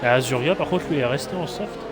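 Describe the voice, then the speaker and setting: A man acting as motorsport co-commentator, analysing a live race in halting, casual speech. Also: fairly high pitch, lively intonation. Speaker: esports sim racing co-commentator. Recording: loud engine noise throughout. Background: loud racing car noise.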